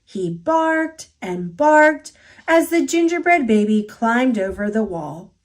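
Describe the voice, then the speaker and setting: A woman with an American accent reading a children's story aloud in an expressive, deliberate manner. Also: fairly high pitch. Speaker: storybook reader.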